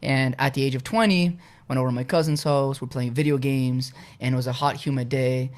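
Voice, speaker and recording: On a podcast, a young man from Poland talks through his own story in an easygoing way, peppered with "uh" and "you know." He has a medium pitch and speaks fairly quickly.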